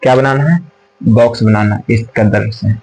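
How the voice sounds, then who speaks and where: A man's voice: on the low side, fairly even intonation, moderate pace, darkish tone, husky, rough recording. Man teaching at a whiteboard, repetitive. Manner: repeats himself and asks and answers his own questions. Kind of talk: classroom lesson at a whiteboard.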